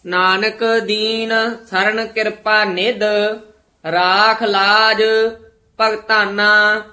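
A reader recites a devotional hymn line by line in a measured, even chant. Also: medium pitch. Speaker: student reciting scripture.

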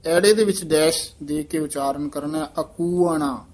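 A man teaching the pronunciation of scripture, correcting a reciter and repeating words slowly and deliberately. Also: a little high.

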